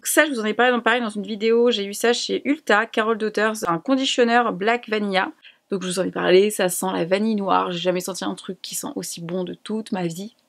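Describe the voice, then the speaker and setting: A woman's voice: medium pitch, gravelly. A woman from France chatting casually in a beauty haul video, enthusiastic and fond of repeating words for emphasis. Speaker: beauty vlogger.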